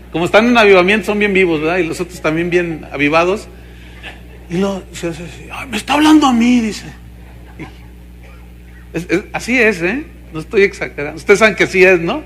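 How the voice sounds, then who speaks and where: A male pastor with a Mexican Spanish accent preaches a sermon with animated, mocking energy. He keeps turning questions on the congregation, his voice sitting high for a man. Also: fairly quick, pauses often, a little hiss or hum.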